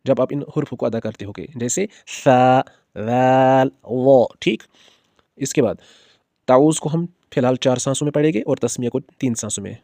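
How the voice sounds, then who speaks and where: A man teaching how to pronounce Arabic letters, patient, stretching each letter slowly and checking in with the learner often. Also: mid-range voice, mellow, dry recording. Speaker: Quran teacher.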